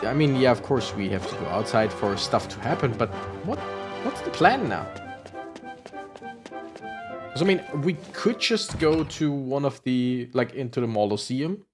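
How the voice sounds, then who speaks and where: A man's voice: medium pitch, big pitch swings, moderate pace. Sleepy man rambling over game music. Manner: rambling, laughing, self-interrupting. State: tired, yawning. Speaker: gaming channel host. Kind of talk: casual game commentary. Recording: game music playing behind.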